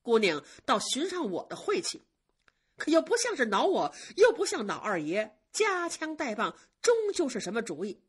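A senior maidservant who keeps the peace with coaxing words, as a woman storyteller puts her on. Her voice is higher than usual and lively in its rise and fall, with a husky grain. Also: normal speed, full character voice. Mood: reproachful. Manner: coaxing, soothing, then reproachful. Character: senior maidservant, gentle but proud, peacemaker. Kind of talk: traditional storytelling.

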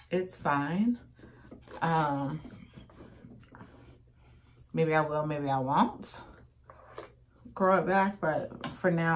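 Woman in her 30s, pretty low voice, just chatting to viewers at home on a phone cam. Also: a little hiss or hum. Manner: chatty, talks straight to viewers. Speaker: vlogger. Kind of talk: casual vlog chat. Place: home room, indoors. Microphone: phone or camera at close range.

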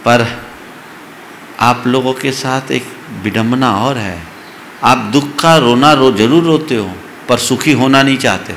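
A man, a monk, preaching slowly and emphatically, rising to loud exhortation. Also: mid-range voice, a little hiss or hum. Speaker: monk giving a sermon. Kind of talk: sermon.

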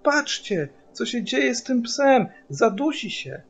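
A man voicing a panicked middle-aged woman passenger, pitching his voice up for her frantic shrieks. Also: very animated, slow pace, creaky, heavily acted. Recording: dull lo-fi recording, faint music.

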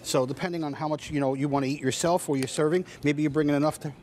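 A man's voice: on the high side, steady tone, fast, a little mellow, a little hiss or hum. A middle-aged man, a chef giving an enthusiastic, emphatic home shopping demonstration. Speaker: chef, culinary consultant demonstrating a product. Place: kitchen set in a TV studio.

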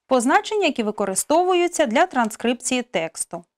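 A woman teaching a language lesson, explaining slowly and carefully with spelled-out example words. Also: sits high, big pitch swings.

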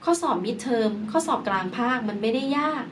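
A woman explains a grammar lesson in a patient, repetitive way, spelling words out letter by letter. She sounds a little distant from the microphone, and steady background noise is clearly audible. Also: a little high, moderate pace. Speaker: English teacher.

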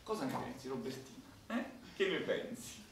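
An actor playing a scheming husband who fakes outrage in a live stage comedy, with a theatrical delivery that swings from hushed to shouting. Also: male voice, mid-range voice, lively intonation, normal speed, very noisy, close to an everyday voice. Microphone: distant room mic. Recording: echoey hall from far off.

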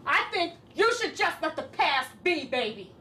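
Lady doing upset guardian mom type, high voice, kinda far from the mic with some hiss. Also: sing-song, normal speed, bright, forceful tone, full character voice. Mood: defensive. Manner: pleading, scolding. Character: guardian who raised the young man, defensive. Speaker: actress. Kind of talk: indie film drama acting.

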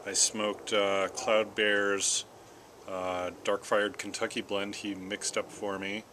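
A middle-aged American man chatting casually to camera in an unhurried, halting way, puffing on a pipe between phrases. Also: fairly low pitch, level tone. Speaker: vlogger. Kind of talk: casual rambling solo chat. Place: outdoors in a backyard garden. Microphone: camera at about arm's length or a little more. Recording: clear outdoor background noise.

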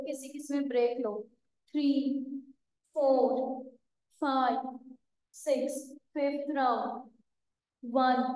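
Woman fitness instructor, high voice, unhurried counting, echoey room. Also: a little mellow. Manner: counting reps, calling exercises, correcting participants by name. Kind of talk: live workout class instruction.

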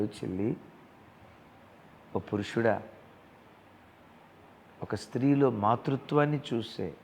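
Gravelly male preacher in a reverberant hall. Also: fairly low pitch, slight background noise. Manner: impassioned preaching that swells into loud emphatic passages; speaks directly to listeners as brother and sister. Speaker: pastor. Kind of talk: sermon. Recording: long hall reverb with faint ambience.

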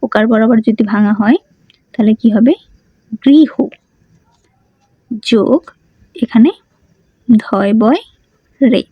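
In a dry, dull, muffled recording, a woman with a high, breathy-edged voice gives a grammar lesson. She answers her own questions and keeps coming back to the key words.

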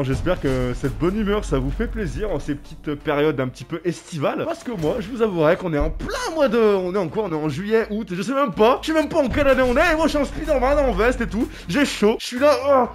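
Brief: young male gamer at home in his chair, high-voiced and all over the place, cracking crude jokes. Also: lively intonation, a little fast, faint music behind. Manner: hyped, crude joking, bursts of shouting. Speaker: gaming YouTuber. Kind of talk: excited gaming commentary.

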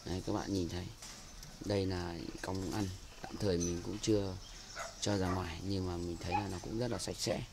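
A man's voice: low voice, little pitch movement, normal speed, creaky, noisy background. A man with a Northern Vietnamese accent giving a chatty, filler-heavy walkthrough of his bird aviary outdoors, recorded on a handheld camera. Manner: chatty, many fillers and repeated words. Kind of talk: casual walkthrough narration. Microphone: handheld camera mic.

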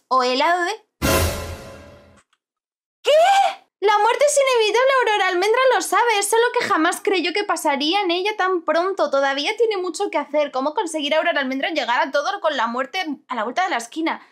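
A young woman with an accent from Spain, giving lively, exclaiming commentary on a life-sim game to her viewers. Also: high voice, brisk. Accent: Spanish from Spain. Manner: expressive, exclaiming, talks to her audience. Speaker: gaming streamer. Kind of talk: gaming commentary.

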